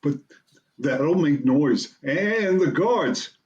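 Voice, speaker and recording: Cowardly lion: nervous comic radio-play blusterer, slow, animated, stammering, slightly lo-fi. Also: male voice, fairly high pitch.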